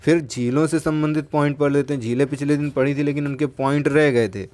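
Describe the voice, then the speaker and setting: A man's voice: on the high side, steady tone, fairly quick, darkish tone. A man teaching exam geography, talking in a chatty way and asking and answering his own questions. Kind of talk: lecture with memory tricks.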